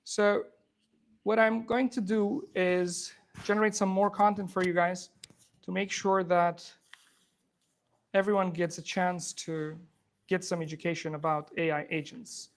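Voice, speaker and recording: A software engineer from Afghanistan delivers an informal live tech demo to an in-room audience through a handheld or clip mic. He sounds high-pitched and flat, speaking quickly and restarting many times.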